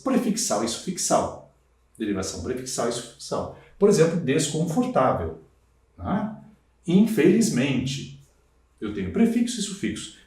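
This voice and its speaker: A man with a Brazilian Portuguese accent teaching a recorded lesson, stretching key words slowly and checking in with listeners. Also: medium pitch, a little mellow. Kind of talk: recorded lecture. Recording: roomy sound from a distant mic.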